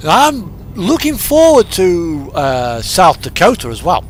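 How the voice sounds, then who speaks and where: Playing a driving game, a male streamer rambles aloud in a slow, high voice whose pitch swoops wildly. Radio music and a truck engine run in the background, and the recording carries a little hiss or hum.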